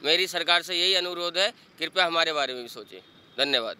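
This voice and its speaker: A man's voice: on the high side, brisk, pushed and bright, smooth. A young man in a street interview, an unemployed engineering graduate making an earnest appeal. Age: young adult.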